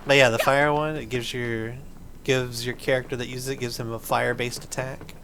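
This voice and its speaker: Against a noisy background and video game music, a man hosts a family gaming video at a normal speed. His medium-pitched delivery is flat, yet he explains things patiently in a playful, conversational way as he chats over the gameplay.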